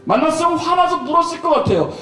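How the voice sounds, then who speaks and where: A male pastor with a high, lively voice preaches to young people, joking and telling stories casually. He sounds distant, and the church hall around him echoes. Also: quick pace. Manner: playful, joking, colloquial storytelling. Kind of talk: youth revival sermon. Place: church sanctuary.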